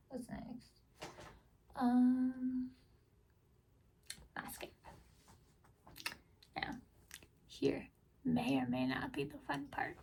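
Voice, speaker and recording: A woman's voice: high voice, creaky, dark tone, distant mic, a little hiss or hum. A woman chatting casually through a makeup tutorial as a beauty vlogger, rambling and trailing off with small laughs.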